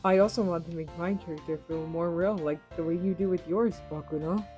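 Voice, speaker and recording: An earnest young anime actress, played by a woman in a fan dub. Her voice sits low and soft-edged, with polite, theatrical phrasing and intense curiosity, over clear background music. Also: fairly even intonation, fairly quick, lightly acted. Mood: earnest, pleading.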